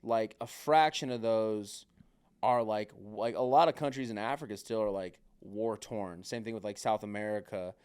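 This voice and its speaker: Smooth-voiced man in loose, swearing chat. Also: fairly low pitch, moderate pace, darkish tone. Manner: swearing, rambling, heavy filler words; acts out other people's remarks. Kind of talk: casual podcast chat.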